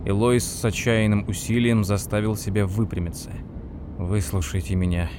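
A man narrating an audiobook in a measured, expressive reading. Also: fairly low pitch, noisy background. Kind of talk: scripted narration.

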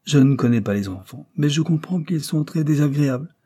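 A suave, insolent aristocratic captain, read by a man in a storybook. The voice sits a little higher than the reader's low speaking voice, with a warm, husky grain. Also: animated, brisk. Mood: smooth, mocking.

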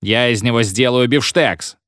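A man's voice: medium pitch, normal speed, fairly bright tone, no echo, studio quality, close to an everyday voice. A man voicing a furious, bellowing male school headmaster who rants and threatens. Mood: raging. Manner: roaring, ranting, threatening.

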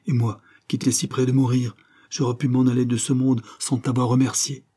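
An aging baron father, tender and grave, speaks in a hushed, emotional voice, as a male reader puts him on. The voice is pitched higher than the reader's own dark, husky tone. He sounds like a fatherly figure from an old storybook. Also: flat delivery, a little fast, lightly acted. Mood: earnest.

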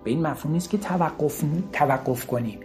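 A man's voice: on the high side, lively intonation, a little mellow, faint music behind. Earnest man giving a motivational talk. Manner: earnest, emphatic, builds points through repeated lists. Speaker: motivational speaker.

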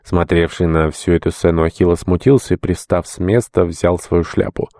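A man narrating a classic novel as an audiobook, with measured, steady storytelling. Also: low voice, no room sound. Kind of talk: literary audiobook reading.

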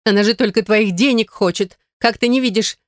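A woman reading an audiobook, voicing a shrill, jealous, scheming young woman who squeals her lines. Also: fairly quick, dry recording, clean studio sound, lightly acted. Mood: shrill accusing. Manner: squealing, pleading then accusing. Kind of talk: audiobook character voice.

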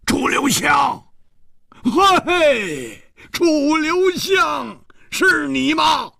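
A male storyteller voicing a boisterous, loud swordsman who shouts and laughs in high excited outbursts. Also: moderate pace, husky, no room sound, clean studio sound, exaggerated voice.

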